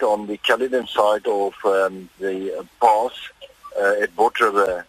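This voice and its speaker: A South African man giving an official traffic update in a halting, hesitant way. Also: on the low side, a bit bright, slightly rough, rough recording. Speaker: provincial traffic chief. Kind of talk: spoken radio update.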